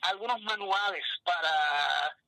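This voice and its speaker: A man co-hosting a baseball radio show, telling anecdotes in a lively commentator's manner. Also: high voice, takes it slowly, no echo, poor audio. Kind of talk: radio sports talk.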